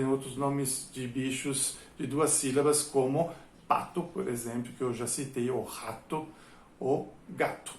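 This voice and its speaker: A man with a São Paulo interior accent giving a methodical music-education lecture, pausing often on filler sounds. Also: mid-range voice, roomy sound, a little hiss or hum. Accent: São Paulo interior, retroflex R. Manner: explains methodically with frequent filler "é". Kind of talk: explanatory lecture.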